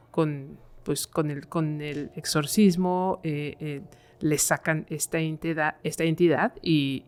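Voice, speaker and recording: A woman with a notably low, darkish voice appears as a guest storyteller on a podcast, telling a horror story. She speaks conversationally, with many fillers like "eh" and "este".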